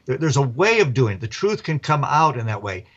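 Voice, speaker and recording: A man, an author and professor, telling stories as a radio interview guest in a lively, chuckling way. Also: mid-range voice, fairly quick, muffled recording.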